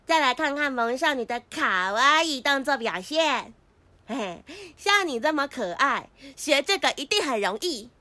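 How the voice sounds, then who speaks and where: Bubbly cartoon drawing teacher. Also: female voice, high-pitched, very animated, moderate pace, sharp tone, dry recording, full character voice. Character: cheerful female drawing teacher. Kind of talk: cartoon voice acting.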